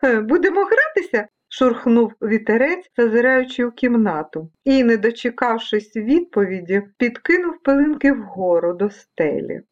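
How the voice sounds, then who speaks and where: A woman, the author, narrating her own children's story in a gentle, expressive way. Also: a little high, moderate pace, few pauses. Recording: dull lo-fi recording.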